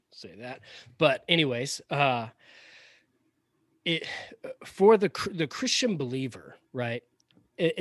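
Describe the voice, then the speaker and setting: A man's voice: mid-range voice, no room sound, studio quality. A man with a Southern accent, co-hosting a podcast and talking casually and opinionatedly, with frequent restarts and asides. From Florida-born, raised in Georgia. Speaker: podcast co-host. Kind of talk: casual conversational commentary.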